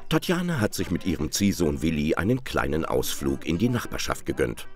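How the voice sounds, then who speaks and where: A man's voice: very deep voice, very animated, brisk, faint music behind. A man narrating a television documentary in a wry, playful scripted style.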